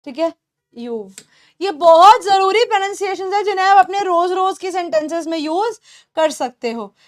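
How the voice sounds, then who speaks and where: A woman with an Indian accent, a native Hindi speaker, teaching a beginners' spoken English lesson, explaining and repeating English words slowly for pronunciation. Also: very high voice.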